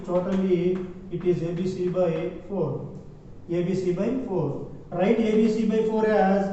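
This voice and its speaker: A man with a Telugu South Indian accent teaches mathematics step by step, dictating and deliberately repeating phrases. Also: high-pitched, warm tone. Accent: Indian, Telugu-speaking south. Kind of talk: classroom lecture, step-by-step proof. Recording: muffled, very echoey, distant, noisy room.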